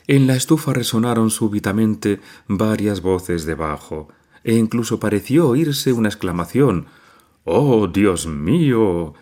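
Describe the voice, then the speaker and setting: A man narrating an audiobook with an expressive, dramatic reading. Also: on the low side, moderate pace.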